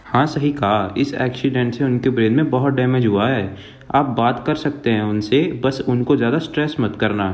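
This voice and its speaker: A man playing a calm doctor, lo-fi sound. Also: medium pitch, normal speed, close to an everyday voice. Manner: calm, explanatory.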